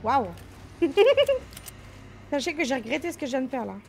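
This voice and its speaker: A woman's voice: high-pitched, racing, gravelly, soft background music. A woman giving casual gameplay commentary, speaking informally and directly to her viewers. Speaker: gamer.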